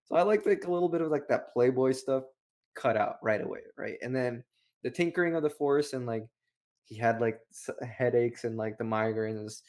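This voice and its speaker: Speaking at normal speed with a mid-pitched, somewhat dark tone, this book review co-host rambles through retellings and commentary in loose, slangy talk, leaning heavily on "like."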